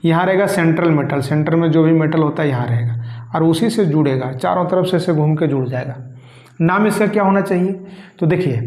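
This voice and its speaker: A man teaching chemistry, asking questions and answering them slowly himself. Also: sits high, darkish tone. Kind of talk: classroom lecture. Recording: echoey room.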